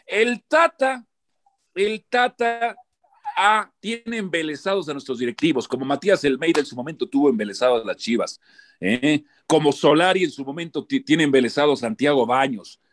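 Animated male pundit, fired-up and repetitive, voice swings a lot in pitch. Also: moderate pace. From born outside Mexico. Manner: emphatic, animated, repeats himself. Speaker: football pundit. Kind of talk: heated panel debate.

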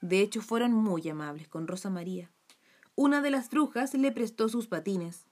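A woman's voice: medium pitch, moderate pace, a little mellow. Woman reading a children's story.

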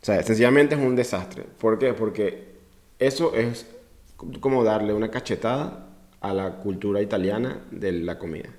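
A man's voice: lowish voice, moderate pace, darkish tone. A man co-hosting a casual podcast, stating opinions firmly and punctuating them with short tag words. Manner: firm, opinionated, punctuates with "¿ok?" and "punto". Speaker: podcast co-host.

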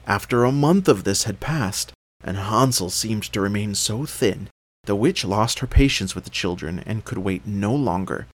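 A man reading a fairy tale aloud as a father, in a measured, steady storytelling voice. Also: fairly low pitch.

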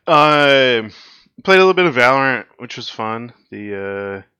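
A man's voice: medium pitch, animated, unhurried, bright, forceful tone, smooth, dry recording. A man co-hosting a casual gaming podcast, laid-back, laughing often and trailing off with uhs. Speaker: podcast co-host.

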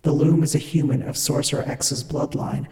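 A man's voice: a little high, fairly even intonation, moderate pace, dark tone, lightly acted. A man voicing many beings speaking in unison, reciting a classified file. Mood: recited. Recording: far, echoey long reverb.

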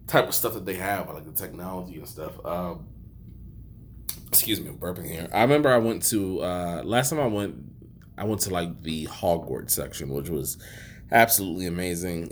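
A man's voice: deep voice, a little hiss or hum. A man hosting a podcast in casual chat, rambling with fillers and easy laughs. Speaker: podcast host.

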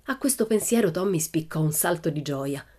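A woman narrating a children's audiobook in a steady, expressive storytelling manner. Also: sits low, normal speed.

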